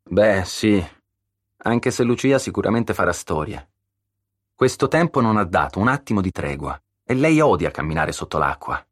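A man with a deep voice voicing a small, nervous postman who puts on a cheery front in an audiobook. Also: lively intonation, moderate pace. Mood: nervous friendly. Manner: falsely cheerful, hesitant.

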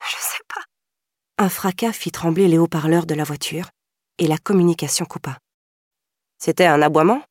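A woman reading a crime novel aloud in a measured, scripted narration. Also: deep voice, darkish tone, no echo, studio quality. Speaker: audiobook narrator.

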